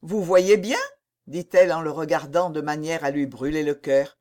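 A woman's voice: low voice, fairly even intonation, normal speed, lightly acted. A woman reading a coy, teasing princess. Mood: coaxing. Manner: soft, coaxing, teasing.

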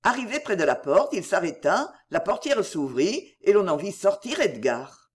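A narrator reading a classic novel aloud in an expressive, even-paced style. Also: mid-range voice, normal speed. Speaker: audiobook narrator.

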